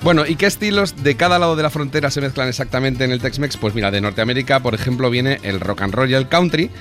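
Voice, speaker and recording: Male radio presenter, chatty lesson tone; quick delivery over music bed. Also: medium pitch, a bit bright. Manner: chatty, explanatory. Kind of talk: explaining radio music segment.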